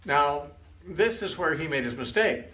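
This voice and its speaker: A man's voice: a little high, lively intonation, a little slow, sharp tone. An older man giving a conversational Bible lesson, retelling stories and casually acting out the quoted lines. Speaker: Bible teacher. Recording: roomy with faint background noise.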